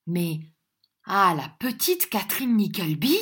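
An indignant young man, as a woman reader plays him mutters his thoughts half aloud, a touch brighter and louder than her narrating voice. He sounds puzzled and stung, turning a name over in disbelief. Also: mid-range voice, sing-song, takes it slowly, breathy edge, heavily acted. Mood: musing.

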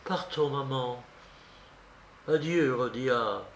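Restrained young woman, earnest and slow, roomy sound, a man doing the voice. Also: mid-range voice, slight background noise. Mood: gentle. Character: composed young woman, the sister. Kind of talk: audiobook character reading. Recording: roomy recording.

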